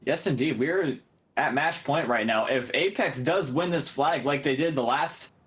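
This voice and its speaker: A man giving quick, energetic play-by-play commentary on an online game match, laughing easily, with game gunfire going on behind him. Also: fairly high pitch. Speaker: esports commentator. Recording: game gunfire loud in the background.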